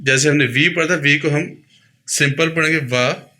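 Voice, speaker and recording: Bright-voiced man teaching sounds. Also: on the high side. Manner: patient, repeats each sound slowly for the learner. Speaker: pronunciation teacher. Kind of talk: explaining a lesson.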